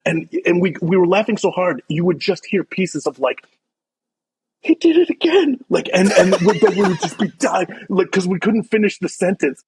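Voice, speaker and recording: Husky-voiced man telling a story. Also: sits high, normal speed, hardly any pauses, no room sound, poor audio. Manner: animated, laughing, acts out quotes. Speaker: podcast co-host. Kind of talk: casual storytelling chat.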